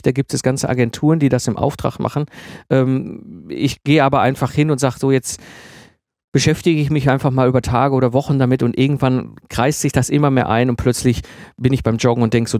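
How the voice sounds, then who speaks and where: A man's voice: mid-range voice, darkish tone, no echo, studio quality. A man hosting a podcast, giving casual spoken advice to listeners, thinking aloud with many fillers and restarts. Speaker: podcast host answering listener questions.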